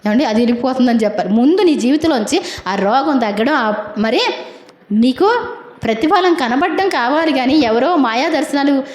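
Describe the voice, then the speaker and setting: A woman's voice: sits high, animated, moderate pace, darkish tone, roomy sound. A woman preaching a sermon in a chatty, colloquial way, keeps asking her congregation questions.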